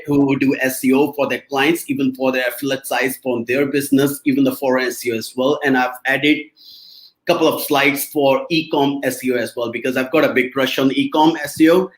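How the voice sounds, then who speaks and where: A man speaking as a presents as a guest expert on a live stream. His voice is mid-pitched, and he talks casually, hesitating, restarting sentences and laughing often. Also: low-quality recording. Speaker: SEO agency guest expert.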